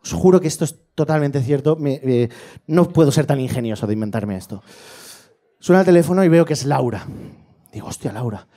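Spanish guy doing stand-up, pretty high voice, animated storytelling with big shouty impressions. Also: a little fast. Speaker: stand-up comedian. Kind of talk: stand-up comedy set.

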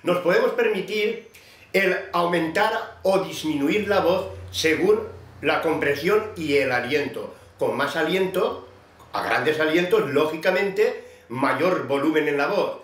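A man's voice: on the high side, fairly bright tone, echoey room. A man giving a vocal technique lesson, explaining patiently and speaking to his student by name. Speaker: voice teacher.

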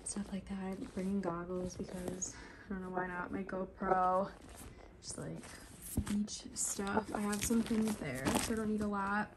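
A young woman chats to her camera in a casual, upbeat way, holding the phone at arm's length. The recording carries a clear layer of background noise. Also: medium pitch, steady tone. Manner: chatty, upbeat, quick asides to camera. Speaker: vlogger. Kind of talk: casual vlog chat. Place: beach outdoors and home rooms. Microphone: handheld phone camera at arm's length.

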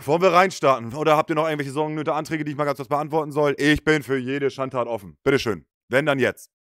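A man streaming games live, chatting casually with viewers in a slangy, excitable way and a slightly hoarse voice. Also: medium pitch, no echo, studio quality. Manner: slangy, excitable, prone to loud outbursts. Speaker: Twitch streamer. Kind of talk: casual live-stream chat over gameplay.

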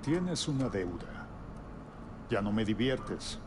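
An actor playing a sly, menacing old god king who sounds like a very old man, speaking in measured, pointed phrases in a game cutscene. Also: on the low side, sing-song. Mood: cold accusing. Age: older. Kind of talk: dramatic video game cutscene acting. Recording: clear background noise.

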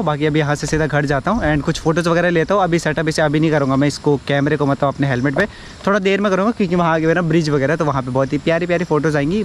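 Riding a scooter outdoors and pulling over at times, a young motovlogger with a fairly high voice thinks aloud in a relaxed vlog, dropping in English words. The action camera, on his helmet or in hand, records noisy outdoor audio full of vehicle sound.

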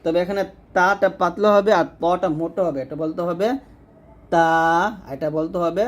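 A man teaches letter sounds in a patient, step-by-step lesson. His voice sits a little high for a man. He says each sound slowly and repeats it for the learner to copy. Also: steady tone. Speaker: Quran recitation teacher.

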